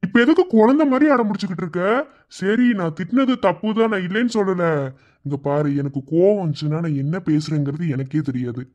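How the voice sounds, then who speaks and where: A woman's voice: lowish voice, animated, fast, darkish tone, natural voice. A woman voicing a short-tempered but doting young husband with a Madurai Tamil accent, coaxing and teasing in a cartoon. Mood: explaining. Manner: coaxing and teasing after scolding. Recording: dull lo-fi sound.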